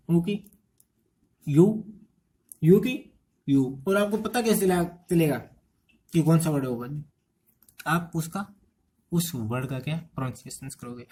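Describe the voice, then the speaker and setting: A man's voice: a little high, a little mellow. An Indian man teaching an English transcription lesson, quizzing students with repeated rhetorical questions. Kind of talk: exam-prep lecture.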